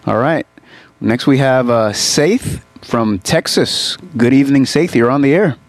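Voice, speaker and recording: A man co-hosting a call-in radio show, speaking in a smooth, steady radio host manner from a studio microphone. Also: mid-range voice, unhurried, no room sound, faint music behind.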